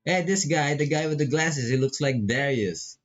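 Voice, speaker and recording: A man with a Filipino accent streams a visual novel, casually reading the dialogue aloud and tossing in playful asides. His voice sits on the high side at a moderate pace. The recording is muffled, with music playing behind him.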